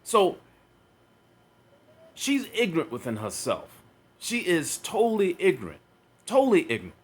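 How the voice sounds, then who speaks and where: Male reaction commentator, rambling and repetitive, lively swinging pitch. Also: moderate pace, breathy edge. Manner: rambling, repeats himself, many fillers.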